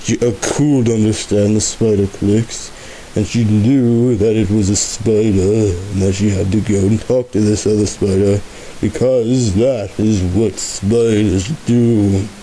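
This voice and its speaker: Hammy, slow, low-voiced male story reader. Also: fairly even intonation, dark tone, low-quality recording. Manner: hammy, stagey, slow delivery, reading punctuation aloud with mock gravity. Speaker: reader of a comic fan story. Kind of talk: dramatic reading of a written story. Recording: faint background hiss.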